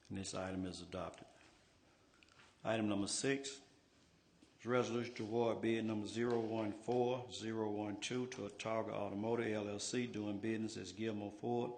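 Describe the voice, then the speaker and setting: A man's voice: on the low side, a little mellow. A man presiding over a council meeting as its president, running formal procedure. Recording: noisy meeting room ambience.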